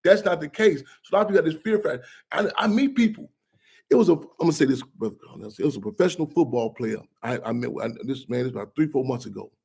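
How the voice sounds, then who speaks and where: A man speaking as an activist guest on a radio talk show, passionate and quick, often repeating and restarting his phrases. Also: medium pitch, animated, gravelly, a little mellow, husky.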